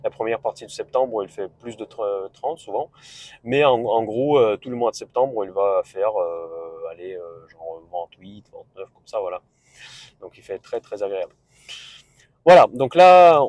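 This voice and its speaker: A man's voice: medium pitch, darkish tone, no echo. A man from Russia with a Russian accent, a vlogger chatting casually and rambling on a road trip, full of hesitations and restarts. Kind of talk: casual travel vlog talk.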